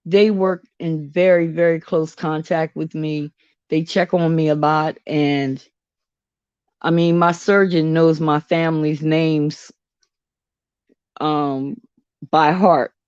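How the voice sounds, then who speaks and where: A woman talks candidly to her viewers in a chatty, expressive vlog, her voice sitting a little low. She takes her time and speaks slowly. The recording is dry and dull, with a lo-fi sound. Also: clear, resonant tone, dry recording. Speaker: vlogger. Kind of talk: casual personal vlog.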